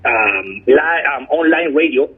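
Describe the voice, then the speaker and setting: Husky man on a tinny phone line. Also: mid-range voice, lively intonation, a little slow. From Chile. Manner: hesitant, frequent ums, earnest. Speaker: guest journalist. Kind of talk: phone interview. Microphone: telephone.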